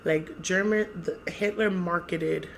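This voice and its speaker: Slow and low-pitched, her voice carries vocal fry, and the audio has a little hiss or hum. She's a young Dominican-American woman, raised in the United States, co-hosting a podcast with casual, emphatic, profane talk in which she repeats herself.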